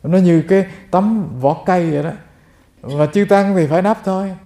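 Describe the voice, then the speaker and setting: This sermon comes from a Buddhist monk whose high-pitched voice is warm and moves at a moderate pace. Telling stories and talking directly to those listening, he is heard with plenty of reverberation.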